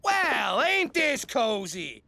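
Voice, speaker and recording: An actor playing a hot-headed, dopey husband in an adult cartoon, with a gravelly, blustering bellow. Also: male voice, very high-pitched, huge pitch swings, drawn-out words, pushed and bright, full character voice. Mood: jealous rage.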